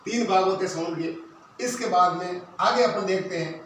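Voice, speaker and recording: A high-voiced male teacher explains a grammar lesson step by step. He asks his own questions and then answers them. He is recorded from across a very echoey room, with a faint hum behind him. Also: normal speed, a bit bright, distant mic.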